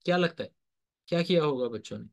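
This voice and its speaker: Male teacher-counsellor, slightly high voice, motivational storyteller who quizzes his class and code-switches between Hindi and English. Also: animated, quick pace. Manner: quizzes listeners with repeated questions; mixes Hindi with English phrases.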